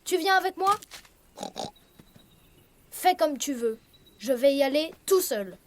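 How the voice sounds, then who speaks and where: A woman's voice: high-pitched, lively intonation, takes it slowly, slight background noise. A woman voicing a proud, jealous young male tiger cub in a French cartoon dub, petulant and boastful. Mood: boastful, defiant. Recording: music under the voice.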